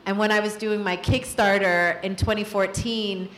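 A woman director speaks candidly at a live Q&A, taking her time with a reflective story. Her voice sits at an ordinary middle pitch. The echoey room rings around her words. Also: fairly even intonation, normal speed, fairly bright tone. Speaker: film director. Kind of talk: live Q&A answers.

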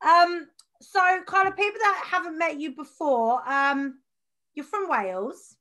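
A woman hosting a podcast in casual chat, talkative and quick to laugh, with plenty of fillers. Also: sits high, pushed and bright. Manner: chatty, laughs often, many fillers. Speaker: podcast host.

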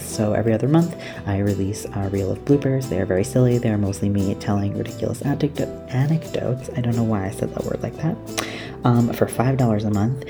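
A man hosts a podcast on a low-quality audio feed, with plucked guitar music underneath. He talks in a chatty, rambling way and pokes fun at himself. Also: creaky. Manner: chatty, rambling, self-deprecating. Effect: low-quality audio, recorded at work. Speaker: podcast host. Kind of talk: casual announcements.

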